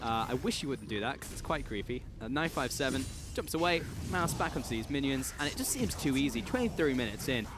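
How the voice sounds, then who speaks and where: A man doing live play-by-play commentary of an esports match, with an excitable manner. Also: medium pitch, a little fast, few pauses, over music.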